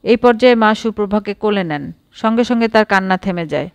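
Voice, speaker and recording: A woman narrating a short story for an audiobook, calm and even. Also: mid-range voice, fairly quick, no room sound.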